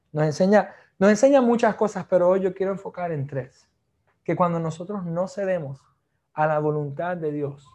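A pastor with a Puerto Rican accent and a warm, high-leaning voice preaches a sermon over a video call. His delivery is chatty, and he moves back and forth between Spanish and English.

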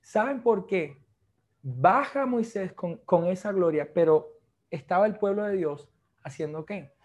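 A man preaching a sermon, lively and joking with the congregation, mixing Spanish with English phrases. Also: sits high, unhurried.

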